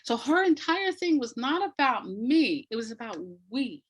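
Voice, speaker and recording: Sing-song and high, at a moderate pace, the voice belongs to a woman guesting on an interview as an audio drama maker. She explains in an animated, emphatic way, repeating phrases for effect.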